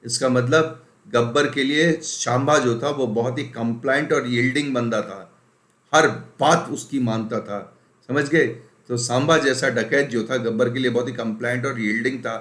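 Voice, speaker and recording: A man's voice: medium pitch, steady tone, normal speed, a bit bright. A man from India teaching an exam-prep vocabulary lesson. He speaks with emphasis, repeats words to drill them and mixes in English phrases. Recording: roomy echo.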